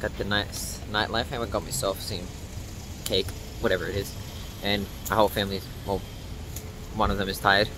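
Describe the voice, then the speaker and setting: A man's voice: fairly low pitch, little pitch movement, moderate pace. Chatty young man vlogging outdoors. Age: young adult. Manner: chatty, upbeat, loose and rambling. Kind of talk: casual travel vlog. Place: outdoors in a city at night. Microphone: phone camera held at arm's length. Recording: noisy outdoor street recording.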